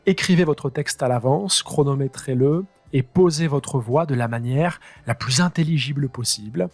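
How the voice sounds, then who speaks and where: A husky-voiced male teacher records his screen tutorial, explaining each step straight to his students as he clicks along. His delivery is unscripted and a little improvised, with faint music behind him. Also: medium pitch, moderate pace, a little mellow. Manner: talks through each click while improvising, addressing his students directly. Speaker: high school teacher.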